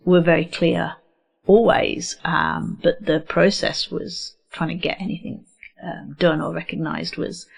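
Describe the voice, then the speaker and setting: A middle-aged woman from England, slightly accented, is interviewed on radio in a studio as a guest who educates about neurodiversity. She speaks a little slowly in a low, gravelly voice with a breathy edge and little pitch movement, candid and reflective but hesitating a lot into the studio mic.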